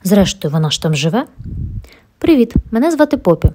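A woman voicing a curious, friendly little human girl in a storybook read-aloud, with a breathy voice. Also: mid-range voice, big pitch swings, a little fast, dark tone.

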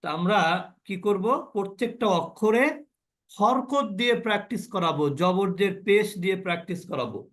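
A man's voice: sits high, fairly quick, fairly bright tone. A man teaching a class on the pronunciation of Arabic letters, drilling sounds and asking his students questions. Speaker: Quran recitation teacher. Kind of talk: online class lesson.

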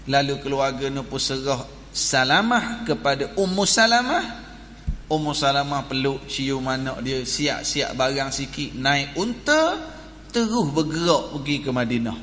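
A male preacher with a Kelantan Malay accent, giving a Friday religious talk in a mosque as a lively storyteller who jokes with the congregation. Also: medium pitch, unhurried, slight background noise. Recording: echoey mosque hall, faint ambience.

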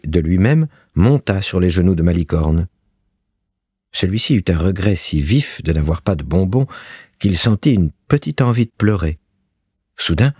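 A man narrating a story in a measured, expressive way. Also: deep voice, slightly rough, dry recording, clean studio sound.

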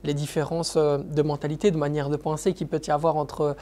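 A man's voice: fairly high pitch, level tone, fairly quick, warm tone. A man interviewing a footballer, asking long, meandering questions full of fillers.

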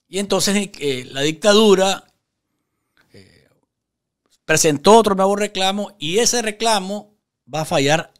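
A man's voice: high voice, a bit bright. Emphatic Nicaraguan man commenting on the news. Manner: emphatic, gestures with his hands, many filler pauses. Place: small TV studio set. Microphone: studio microphone on a desk stand.

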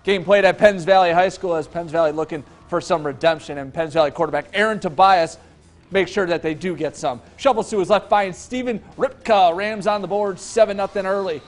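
A man anchoring TV sports, narrating football highlights in an energetic, punchy way. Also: a little fast. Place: TV studio.

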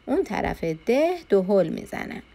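A woman's voice: mid-range voice, big pitch swings, creaky, mellow. A woman voicing a timid young village servant girl in a children's storybook, speaking in a hesitant, deferential way. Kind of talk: storybook character voice.

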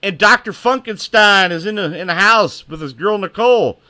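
A gaming streamer talks loudly and excitably in a booming voice as he plays live, swearing at the game and responding to chat at a moderate pace.

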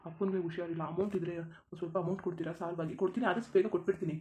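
Someone voicing an anxious young village man, cartoon, quick pleading talk, mid pitch. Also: fairly even intonation, dark tone, slight background noise, close to an everyday voice. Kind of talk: cartoon voice acting.

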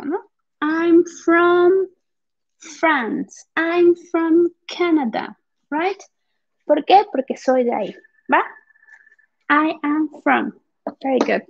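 High, gravelly woman teaching English. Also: a little mellow. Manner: switches between Spanish and slow, drawn-out English examples. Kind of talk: online class. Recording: muffled lo-fi online class audio.

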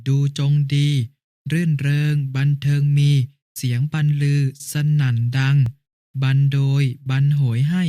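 A man's voice: mid-range voice, steady tone, unhurried, mellow, no echo, clean studio sound, close to an everyday voice. A man playing a patient older brother who explains a lesson step by step in an educational cartoon.

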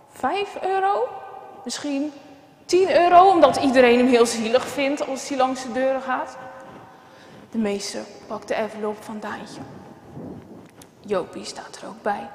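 Expressive woman storyteller in a church. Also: sits high, slight background noise. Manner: expressive, dramatic. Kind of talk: children's story narration. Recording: echoey church with long reverb.

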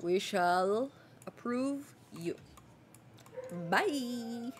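Slow-talking woman doing game commentary. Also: fairly high pitch, expressive, slight background noise. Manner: playful, role-plays the border officer. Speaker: game streamer. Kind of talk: gameplay commentary.

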